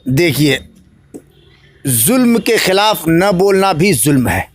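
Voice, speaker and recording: A man's voice: fairly high pitch, big pitch swings, slow. A man with a Bihari Hindi-Urdu accent answering interview questions as an election candidate, in a preacherly way that rises to emphatic declamation.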